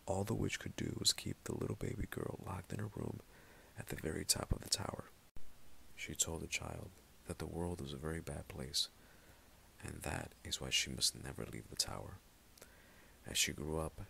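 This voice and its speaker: A man narrating a bedtime story in a calm, soft, often half-whispered reading. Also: very deep voice, creaky, a little hiss or hum.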